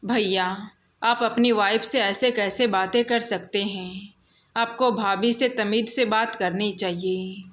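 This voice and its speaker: A kind, protective young man, as a woman storyteller puts him on, asking concerned questions. The voice stays slow and even, like a storybook read. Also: mid-range voice. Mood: indignant.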